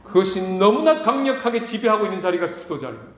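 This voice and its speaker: A man's voice: very animated, fast talker, fairly bright tone. A man preaching a sermon as pastor, acting out voices as he speaks. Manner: dramatic preaching, acts out quoted voices with big pitch swings. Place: church sanctuary. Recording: echoey church room, faint ambience.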